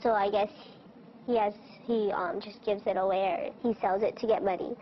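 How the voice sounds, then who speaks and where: A woman's voice: mid-range voice, fairly even intonation, normal speed, a little hiss or hum. A young woman interviewed for a news report, her voice electronically altered to hide who she is, speaking hesitantly with casual fillers. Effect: voice electronically altered to disguise her identity. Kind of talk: recorded interview clip. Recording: dull lo-fi news audio.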